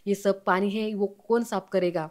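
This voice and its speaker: A man's voice: sits high, fairly even intonation, normal speed, close to an everyday voice. A woman voicing a strict, grumpy old grandfather who scolds and mocks everyone in a recap of a TV serial. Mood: scolding. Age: older. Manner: scolding, sarcastic.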